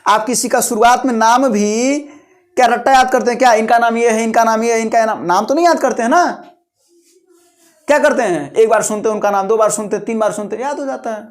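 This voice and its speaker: A man's voice: very high-pitched, quick pace. A male coaching teacher gives exam guidance to students. He talks in a colloquial, coaxing way and repeats his points to drive them home. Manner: repetitive, coaxing, colloquial exhortation.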